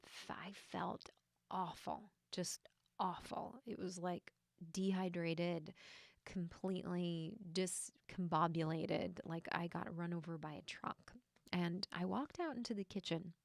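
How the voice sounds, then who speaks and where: A soft-spoken young woman hosts her podcast and recounts a confessional personal story in a lowish voice. Her delivery is reflective and hesitant, full of small fillers, and the sound is dry and close with no room echo. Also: fairly even intonation, slow, creaky. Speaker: podcast host and intuitive healer.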